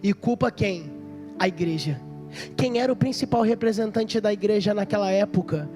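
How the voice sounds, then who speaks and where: A man's voice: high voice, moderate pace, mellow. A man preaching a sermon, telling a story and asking the audience questions. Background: music.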